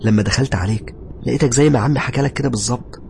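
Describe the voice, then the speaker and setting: A man's voice: very fast, gravelly, darkish tone, slight background noise, natural voice. A man doing Nada, a tearful young Egyptian bride. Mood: puzzled. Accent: Egyptian Arabic. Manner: pleading, high-strung, near tears. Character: young tearful new bride, worried wife.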